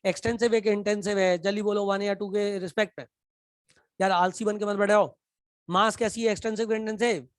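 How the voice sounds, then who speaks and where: A man teaching a live class, shouting and teasing as he quizzes his students in a colloquial way. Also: high voice, dry recording, clean studio sound.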